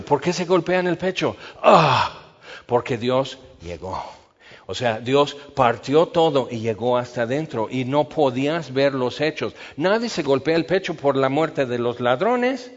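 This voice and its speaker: A man preaching an expository Bible sermon, teaching in a measured way and slowing down to stress his points. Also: mid-range voice, lively intonation. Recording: long reverb, dull lo-fi sound.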